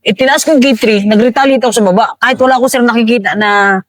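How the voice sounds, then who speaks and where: A man, an army veteran, recounting combat in a casual interview, halting and calling the host "sir" again and again. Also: extremely high pitch, a bit bright.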